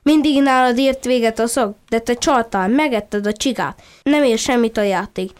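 A proud little puppy dog with a keen nose, talking earnestly and patiently, as a woman storyteller puts him on. The voice sits fairly high and sounds smooth and clear. It is a storybook reading. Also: natural voice. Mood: confident.

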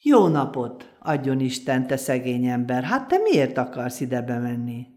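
A woman's voice: rumbling low, very animated, dark tone, pitched below the performer's own voice. A greedy palace guard from a folk tale, mocking and bargaining, as a woman storyteller puts him on. He talks down and drives a hard bargain. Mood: scornful. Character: greedy scheming gate guard, man.

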